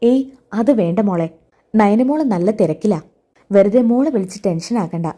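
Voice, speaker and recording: A woman reading the part of a gentle middle-aged mother who softly deflects questions. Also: medium pitch, animated, normal speed, natural voice. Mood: evasive.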